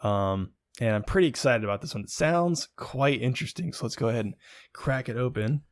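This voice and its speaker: A young man from Virginia, USA co-hosts a laid-back beer-review podcast, rambling through his notes in a chatty way full of ums and likes. He speaks at medium pitch and a fairly quick pace, in studio-quality audio with no echo.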